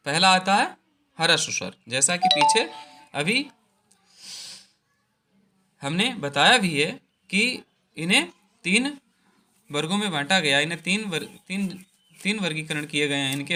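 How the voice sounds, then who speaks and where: A man's voice: fairly high pitch, big pitch swings, a little slow, pauses often, pushed and bright, slight background noise. A man teaching a Hindi grammar lesson, repeating each point and drawing out the vowel sounds.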